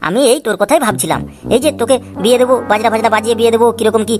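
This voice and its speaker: A woman's voice: very fast, close to an everyday voice. A woman doing a two-faced cartoon father. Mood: coaxing. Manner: coaxing aloud, cursing in low mutters. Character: scheming father, sweet to son, grumbling aside. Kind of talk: Tweencraft cartoon voice acting. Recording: music playing behind the voice.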